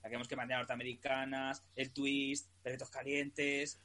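A man, co-hosting a casual chat, relaxed and quick to jump in. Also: medium pitch.

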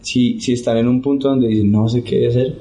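A man's voice: mid-range voice, brisk. A man from Santander, Colombia, earnestly telling his story of faith in casual conversation. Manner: earnest, animated retelling with acted-out quotes. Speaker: guest sharing testimony.

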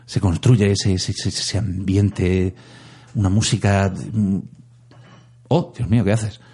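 Husky man telling a story. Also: low voice, fairly even intonation, slow pace, mellow. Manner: jokey, dramatic retelling, acts out lines. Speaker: storyteller retelling a plot. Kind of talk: casual chat.

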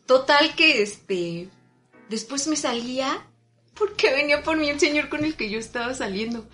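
A young woman with a Mexican Spanish accent tells a story in a bright, higher voice. Her pitch leaps around as she acts out quoted lines, and she laughs between them. It is relaxed, casual chat among friends, with faint music underneath. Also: normal speed. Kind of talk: casual chat, telling a dream.

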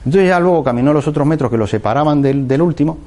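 Giving a motivational talk, a man thinks aloud with fillers and restarts while telling a short parable. His voice is a little high and dark in tone, and he talks fast.

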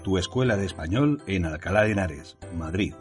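A man's voice: low voice, animated, a little fast, soft background music. A man with a Spanish accent from Spain, voicing a radio advertisement in an upbeat promotional delivery. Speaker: announcer.

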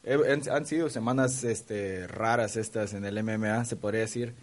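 A man's voice: fairly low pitch, moderate pace. Laid-back joking man. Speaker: co-host. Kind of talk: casual sports talk show.

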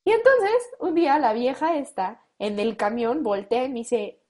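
Mexican girl around twenty spilling a school drama story, kinda high voice, lots of slang, acts out every line. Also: normal speed. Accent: Mexican Spanish. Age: late teens. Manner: animated, slangy, acts out quoted lines. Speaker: guest. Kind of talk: casual storytelling.

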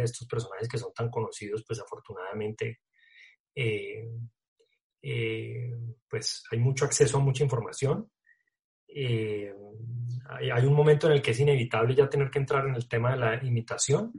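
Male actor, relaxed interview chatter, slangy, lots of restarts. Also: medium pitch. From Colombia. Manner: casual, slangy, many fillers and restarts. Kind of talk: casual interview talk.

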